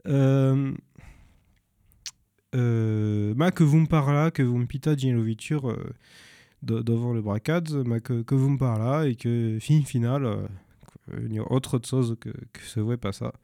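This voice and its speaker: A man recommending films in a second language, halting and searching for words as he goes. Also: medium pitch, dark tone, no room sound, studio quality. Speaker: film presenter. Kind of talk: informal spoken film recommendations.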